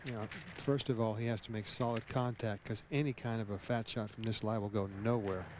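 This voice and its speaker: A man's voice: fairly low pitch, fairly even intonation, brisk. A man working as a golf commentator, calling shots live on a television broadcast. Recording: noisy outdoor broadcast on VHS tape.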